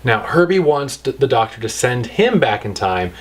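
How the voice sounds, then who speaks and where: Lively man reviewing films. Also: mid-range voice, moderate pace. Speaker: host. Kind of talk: movie review with comedy. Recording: faint background music.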